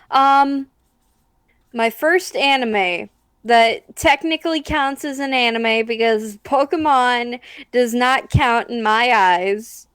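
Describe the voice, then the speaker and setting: A young woman co-hosting a podcast, chatting casually with quick asides. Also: sits high, fairly bright tone, clear, resonant tone, no room sound, studio quality. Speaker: podcast co-host. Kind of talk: casual chat. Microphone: computer mic on a voice call.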